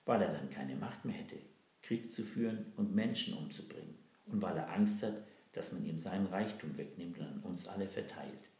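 A grieving, secretive mother from a storybook, played by a man. She speaks in hushed, urgent tones over a deep, gravelly voice. The room adds an echo. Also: normal speed. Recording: roomy echo.

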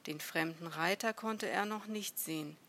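A woman reading a children's story aloud in a measured, gentle storytelling manner. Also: fairly low pitch.

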